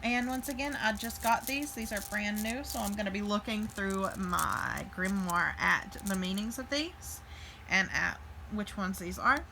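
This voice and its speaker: Bright-voiced woman doing a chatty tarot reading. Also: mid-range voice, unhurried, vocal fry, a little hiss or hum, rough recording. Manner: chatty, thinks aloud, fillers and restarts. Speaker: tarot reader. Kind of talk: casual tarot reading to camera.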